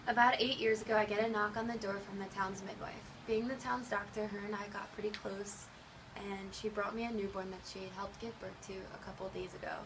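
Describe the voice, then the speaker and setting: A woman speaking in first person as a town doctor and adoptive mother in the Philippines, reading in a quick, even way. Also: mid-range voice, lightly acted. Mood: earnest. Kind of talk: first-person storytelling read aloud. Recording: distant mic with clear background noise.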